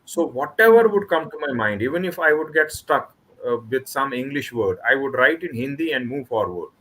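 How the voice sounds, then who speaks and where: On poor audio, a man from Kashmir with an Indian accent, an author, talks in a casual online book club chat. His mid-range voice is expressive and a bit bright, but halting, with many restarts and repeated words.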